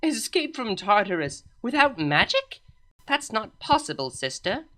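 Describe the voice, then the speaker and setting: A woman's voice: a little high, sing-song, unhurried, a bit bright, voice pushed up. A woman voicing a blunt, proud alicorn princess with a matter-of-fact, slightly pompous delivery. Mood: indignant.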